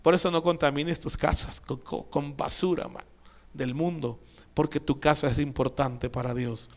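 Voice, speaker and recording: A man preaching a sermon as pastor, with emphatic rising peaks and quiet asides. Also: fairly high pitch, steady tone, normal speed, gravelly.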